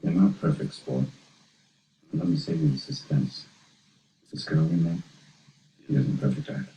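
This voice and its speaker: Blunt Boston widower-therapist, very deep voice, roomy lo-fi film audio. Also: male voice, fairly even intonation, moderate pace, dark tone, a little hiss or hum. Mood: wistful. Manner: blunt, coarse, reflective. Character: gruff widowed older male therapist. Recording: dull, roomy film soundtrack.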